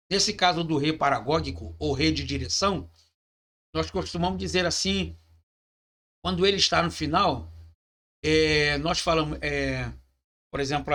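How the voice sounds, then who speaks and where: Male teacher, bright and slightly high voice, patient step-by-step lecturing that checks in with the class. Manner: explanatory, checks in with "tá?" and "ok?". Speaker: Hebrew teacher.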